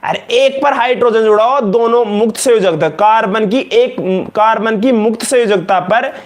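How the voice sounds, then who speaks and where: A man with a Rajasthani Hindi accent teaching chemistry in a live class, loudly repeating each question and calling students beta and janab. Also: high voice, normal speed. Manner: loud, emphatic, drills points by repetition. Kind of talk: live online lecture in Hindi.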